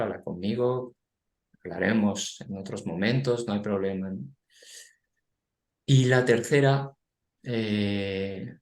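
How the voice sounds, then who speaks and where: A man's voice: fairly low pitch, roomy sound. A man, a guest telling a personal story, acting out the dialogue and often ending with tag questions. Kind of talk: storytelling anecdote.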